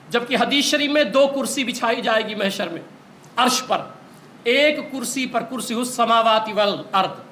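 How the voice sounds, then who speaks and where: High-voiced impassioned male preacher. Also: pushed and bright, roomy sound, slight background noise. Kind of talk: sermon.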